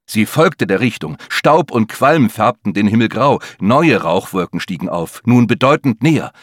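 A man's voice: fairly low pitch, animated, normal speed, no echo, studio quality. A man reading a tense thriller as an audiobook narrator, with dramatic storytelling. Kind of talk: scripted narration.

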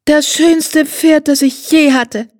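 A woman voicing an excited, bossy little girl in an audiobook, with a high, shrill voice. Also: takes it slowly, no echo, studio quality.

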